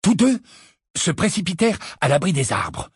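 A man reading a fantasy novel aloud as an audiobook narrator, in a dramatic, expressive way. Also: sits high, moderate pace, slightly rough, no room sound, studio quality. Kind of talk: scripted narration.

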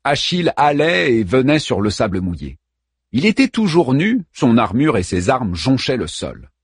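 A man narrating an epic tale in dramatic, expressive audiobook style. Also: medium pitch, normal speed, husky, no echo, clean studio sound.

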